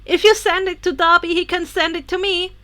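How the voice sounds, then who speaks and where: Brief: earnest, slightly squeaky teenage boy, read by a woman narrator, high and light. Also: flat delivery, fairly quick, bright, forceful tone. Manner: eager, a bit squeaky. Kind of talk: podfic character voice.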